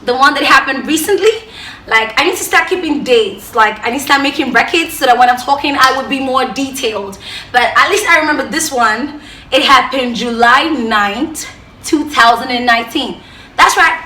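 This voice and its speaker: A young Nigerian woman with a high, bright voice tells her stories to the camera in an echoey room. She gets loud and animated, then drops into quiet asides. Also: normal speed. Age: young adult. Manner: animated storyteller who swings from loud outbursts to hushed asides. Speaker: vlogger. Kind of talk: storytelling to camera.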